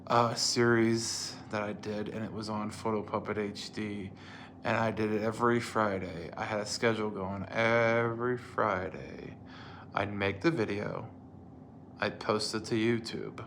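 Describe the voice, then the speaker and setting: A man's voice: on the low side, unhurried, fairly bright tone, a little hiss or hum. A man in his twenties telling a casual, rambling story about his old video series, with lots of fillers and restarts.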